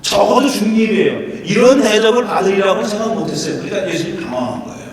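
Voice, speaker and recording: High-voiced pastor preaching in an echoey hall. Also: male voice, fast talker, over a noisy crowd. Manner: animated, emphatic preaching with sudden loud and soft turns. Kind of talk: sermon. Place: church sanctuary. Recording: echoey church hall from far off.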